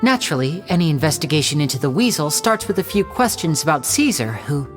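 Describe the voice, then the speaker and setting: An actor playing a polite, proud young stage magician who speaks in a smooth, courteous way. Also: male voice, fairly high pitch, sing-song, quick pace. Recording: reverb with game music.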